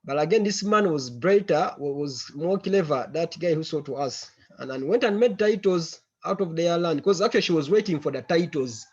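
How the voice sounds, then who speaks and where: A man's voice: on the high side, animated, moderate pace, hardly any pauses, darkish tone, husky. Muffled man briefing on a conference call. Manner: repeats words and phrases while recounting. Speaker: member of an organisation reporting to a meeting.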